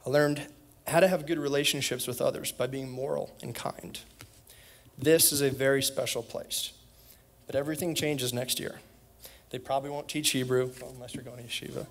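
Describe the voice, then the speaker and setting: A man's voice: mid-range voice, fairly even intonation, normal speed. A young man, a former student, giving a prepared graduation speech with an earnest, direct manner. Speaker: graduation speaker, alumnus. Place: school event hall.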